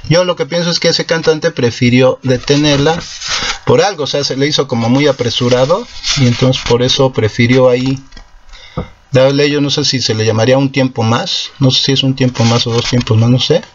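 A man's voice: medium pitch, fairly even intonation, normal speed, muffled recording, slight background noise. A man, host of a guitar channel, explaining his cover in a rambling, self-correcting way full of fillers. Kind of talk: casual explanation after a sung cover. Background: acoustic guitar.

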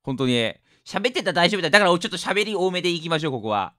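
Excitable Kansai man streaming a game. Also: high-pitched, rapid-fire. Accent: Kansai Japanese. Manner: excitable, jokey, swings from mutters to shouts. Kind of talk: let's play commentary.

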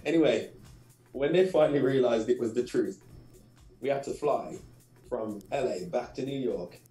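A middle-aged man from England, a radio show guest telling lively anecdotes with laughs and repeated phrases. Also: medium pitch, unhurried, pauses often, reverberant, rough recording. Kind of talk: casual interview storytelling.

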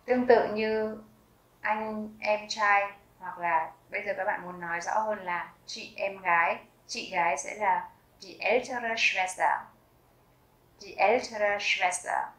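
Slow, careful woman teacher, echoey room. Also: medium pitch, steady tone, fairly bright tone. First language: Vietnamese. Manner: slow, careful repetition of each word. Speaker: German language teacher. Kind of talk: vocabulary lesson with slow repetition.

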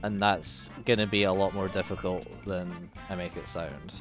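A man's voice: low-pitched, steady tone, normal speed. Swearing, self-mocking male speedrunner. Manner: self-deprecating, swears freely, thinks aloud. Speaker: speedrunner streaming his run. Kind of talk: casual live commentary over gameplay. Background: faint game music.

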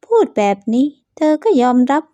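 A woman's voice: normal speed, dark tone, no room sound, natural voice. A woman voicing a scheming, spiteful young woman who bullies her classmates, talking in a smug, sing-song, taunting way.

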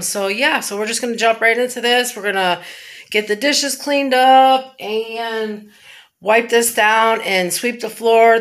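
A woman's voice: mid-range voice, a bit bright. A woman in her thirties chatting casually to viewers while cleaning her small home kitchen, rambling with fillers. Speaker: cleaning vlogger. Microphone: phone camera nearby.

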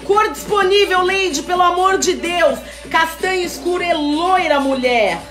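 A woman's voice: very high voice, unhurried. A woman hosting a live stream sale, chatting and teasing as she reads out viewer comments. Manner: lively, chatty and teasing, calls viewers "mulher". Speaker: host selling wigs on a live stream. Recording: echoey room with faint music. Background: faint background music.

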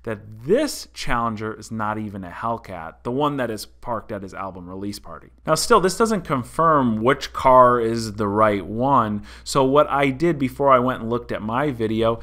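A man's voice: medium pitch, lively intonation, moderate pace, few pauses, pushed and bright. A man in his thirties hosting a car channel, talking viewers through a story in a chatty, explanatory way from a room indoors. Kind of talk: casual vlog commentary. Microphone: desk mic in front.

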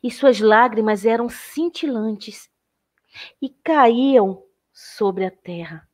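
A Brazilian woman educator narrating a children's story. She speaks slowly and expressively in a fairly high voice. Her delivery stays gentle throughout.

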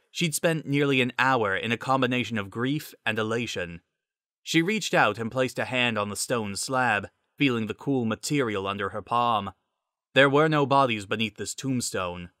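A man narrating a story as a scripted dramatic reading, in a measured, solemn storytelling manner. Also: medium pitch, sharp tone, no echo, studio quality.

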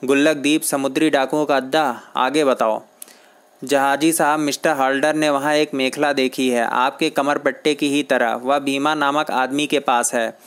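A man's voice: medium pitch, fairly even intonation, normal speed, fairly bright tone, smooth, close to an everyday voice. A man voicing an earnest club worker messenger. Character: earnest male club worker bringing urgent news. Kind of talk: comic book read aloud.

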